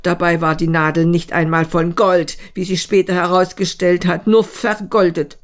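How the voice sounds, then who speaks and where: A woman reading aloud, voicing a rattled man who rushes his words in a high, strained voice. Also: little pitch movement, natural voice. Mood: pleading. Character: agitated man, rattled and pleading. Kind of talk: audiobook reading.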